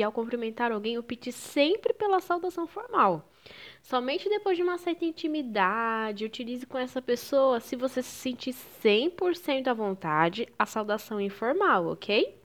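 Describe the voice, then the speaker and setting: A young woman from Brazil, with a Brazilian Portuguese accent, gives a French lesson. Her voice sits a little high, and she explains patiently while mixing in French phrases. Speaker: French teacher. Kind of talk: online language lesson.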